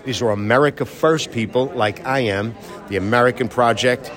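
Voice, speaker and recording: A man's voice: mid-range voice, moderate pace. Brash, swearing man in a crowd. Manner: brash, profane, boastful. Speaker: artist interviewed at an event. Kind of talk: casual interview. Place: hotel event, crowd around. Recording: crowd noise behind. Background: crowd chatter.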